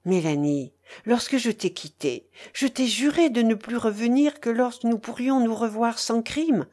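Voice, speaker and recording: A woman reading the part of a young priest in love, earnest and urgent, sometimes hushed. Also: fairly high pitch, lively intonation, moderate pace, voice pushed up. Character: young priest, troubled and secretive lover.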